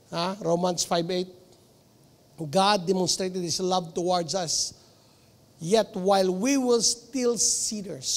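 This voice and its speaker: A man with a Filipino Cebuano accent, preaching a sermon as pastor, lively and mixing in English phrases. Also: a little high, gravelly, big-room sound. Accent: Filipino, Cebuano-speaking region.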